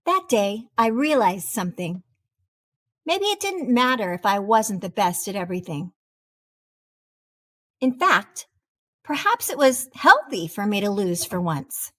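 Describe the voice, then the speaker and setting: A woman voicing a proud, dramatic wheel of cheddar in an expressive children's storybook read-aloud. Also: medium pitch, voice pushed down. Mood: calm, reflective. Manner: theatrical, expressive, deliberate delivery.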